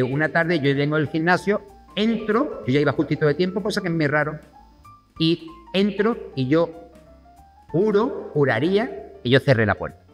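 Man, animated anecdote, slightly high voice, long hall echo, faint music behind. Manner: lively storyteller, acts out quoted voices. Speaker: talk show guest.

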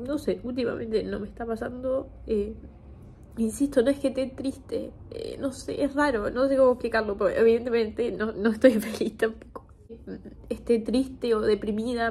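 A woman's voice: a little high, a little mellow. A woman in her twenties talking candidly to camera, hesitant and emotional, on the verge of crying. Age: 20s. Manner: hesitant, emotional, with nervous little laughs. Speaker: video creator. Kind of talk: candid confessional chat to camera. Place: home kitchen, indoors. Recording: noisy home kitchen recording.

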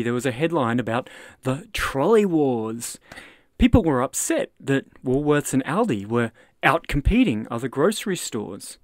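Aussie guy reading his article out, measured and explaining, dry close mic. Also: mid-range voice, no echo. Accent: Australian. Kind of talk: read-aloud article narration.

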